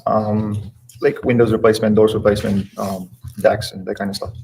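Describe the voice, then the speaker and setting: A man in his forties from Poland with a Polish accent, giving quiet, hesitant testimony as a witness in a courtroom. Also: fairly low pitch, flat delivery, brisk, gravelly, a little hiss or hum, low-quality recording. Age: 40s. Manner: quiet, hesitant, short answers.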